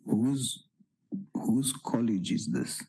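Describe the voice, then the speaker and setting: A man's voice: medium pitch, extremely slow, mellow, slightly rough, low-quality recording. A man questioning a witness at a formal hearing, pressing hard and repeating his questions. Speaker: parliamentary committee member.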